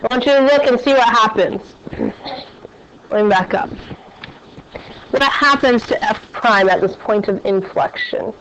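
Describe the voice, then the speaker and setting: A woman's voice: a little high, unhurried, long pauses, fairly bright tone, slight background noise. A woman math teacher lecturing a class and quizzing her students with questions as she goes. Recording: dull, lo-fi classroom recording.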